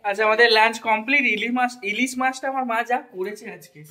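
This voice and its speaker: A woman's voice: on the high side, fairly even intonation, brisk, pushed and bright, a little hiss or hum. A woman hosting a casual family vlog at a home meal, chatty and teasing as she talks to viewers. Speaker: vlogger host.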